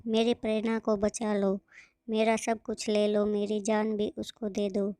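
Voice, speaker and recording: A woman's voice: mid-range voice, completely flat delivery, measured pace, warm tone, smooth, no room sound, natural voice. A woman voicing a frantic young husband who desperately begs for his dying wife. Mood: pleading. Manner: pleading, desperate.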